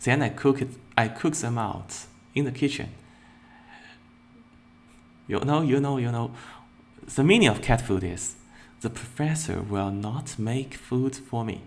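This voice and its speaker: Introducing himself as a virtual streamer, a young man with a mid-range voice answers questions in a relaxed Q&A. His delivery is slow and measured, punctuated by playful spurts of excitement.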